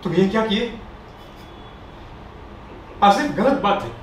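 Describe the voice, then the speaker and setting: Man playing a drunk preachy friend, very high pleading voice, echoey room, distant mic. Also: lively intonation, slow, a little hiss or hum. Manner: pleading, repeating his friend's name.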